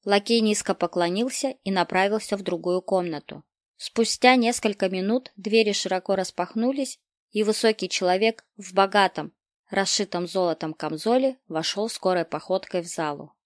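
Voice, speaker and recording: A woman narrating a historical children's story aloud, expressive and lively, in a dry close recording. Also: medium pitch, normal speed, no room sound. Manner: expressive, animated dialogue reading. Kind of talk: storybook reading.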